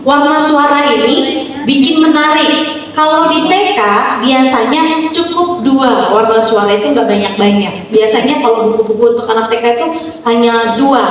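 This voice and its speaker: A woman coach leading a workshop for teachers, lively and drawn-out on stressed words, often asking the audience questions. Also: a little high. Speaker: storytelling coach. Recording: echoey hall, far from the mic, crowd noise.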